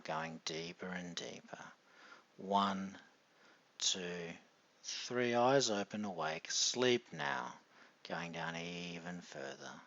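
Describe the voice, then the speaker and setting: Slow gravelly hypnotist man, murmuring. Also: on the low side, a bit bright, lo-fi sound. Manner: slow, repetitive suggestions, sometimes dropping to a whisper. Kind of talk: guided hypnosis session.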